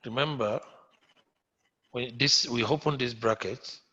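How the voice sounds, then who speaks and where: Slightly slow and forceful, with a bright mid-range voice and a breathy edge, a Nigerian-accented man teaches a live online coding session. He repeats himself and keeps checking that students follow, though the recording is muffled and lo-fi.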